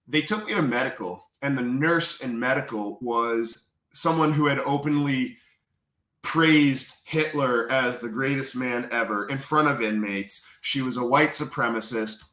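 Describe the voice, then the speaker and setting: A man speaking in an earnest, intense storytelling manner. His voice is bright and forceful, and the room around him rings with echo. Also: medium pitch. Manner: earnest, intense retelling with repeated phrases. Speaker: memoir author telling his prison story. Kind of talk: personal storytelling.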